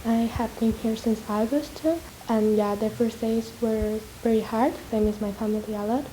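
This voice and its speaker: Teen girl, higher voice, very dark soft tone, careful learner's English. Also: fairly even intonation, moderate pace, a little hiss or hum, rough recording. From Chile. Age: late teens. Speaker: exchange student.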